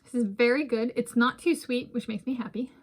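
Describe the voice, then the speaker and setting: Slightly high-pitched with a breathy edge, this American vlogger in her thirties talks a little fast. Indoors in a bookshelf-filled room at home, she eats and wanders through casual, digressive food chatter.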